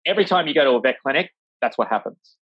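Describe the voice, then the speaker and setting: A man's voice: medium pitch, expressive, fast, breathy edge, no room sound. A man who works as a vet, chatting casually in an interview with a rambling, filler-heavy manner and acting out the voices he quotes. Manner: acts out voices when quoting. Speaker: veterinarian, interview guest. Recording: slightly dull, dry lo-fi recording.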